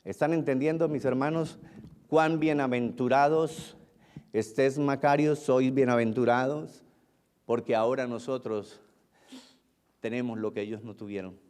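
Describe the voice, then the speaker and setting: A male pastor preaching a sermon, repeating phrases for emphasis and swinging between loud declarations and low, hushed lines. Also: steady tone, measured pace, clear, resonant tone.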